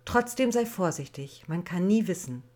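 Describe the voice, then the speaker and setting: A woman's voice: lowish voice, lively intonation, normal speed, darkish tone. A woman voicing an anxious, caring mother who lectures her daughter, in a storybook reading. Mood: worried. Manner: anxious, admonishing. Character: worried, caring middle-aged mother.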